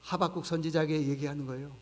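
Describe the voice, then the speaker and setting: High-voiced preaching man, church echo. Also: steady tone, quick pace. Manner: emphatic, acts out quoted voices. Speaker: pastor. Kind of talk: sermon. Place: church sanctuary. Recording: reverberant church hall.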